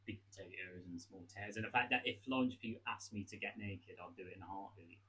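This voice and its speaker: A man's voice: sits low, fairly quick, pushed and bright, breathy edge, poor audio. A young man co-hosting a casual podcast at home, joking bluntly and steering the talk back on track. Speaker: podcast co-host. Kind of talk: casual chat. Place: home room with garden furniture. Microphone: cheap budget mic.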